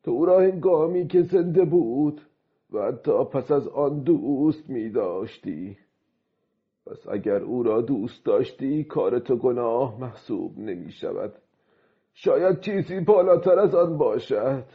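An actor playing a weary, brooding old fisherman in a radio drama, musing to himself in a husky voice. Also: mid-range voice, expressive, dull audio.

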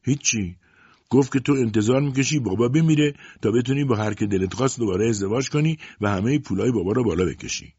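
A man's voice: mid-range voice, darkish tone, breathy edge, no echo, voice pushed up. A man voicing a defiant, outspoken young woman who argues with her mother in a storybook reading. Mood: pleading. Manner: pleading, defiant. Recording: dull dry lo-fi audiobook recording.

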